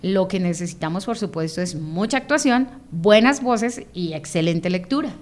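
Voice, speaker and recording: A voice actress from Bogotá, speaking with a Bogotá Colombian Spanish accent, explains her craft in an interview and breaks into character voices mid-sentence. Her voice is lowish and expressive at a moderate pace.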